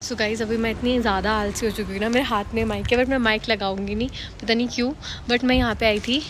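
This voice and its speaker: A young woman with a sore throat and a hoarse voice, chatting fast to the camera in a casual vlog, recorded without a mic. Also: fairly even intonation. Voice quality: hoarse, lower than usual. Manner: fast, chatty, mixing English into her talk. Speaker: vlogger. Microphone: no mic, phone camera. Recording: no mic, faint background noise.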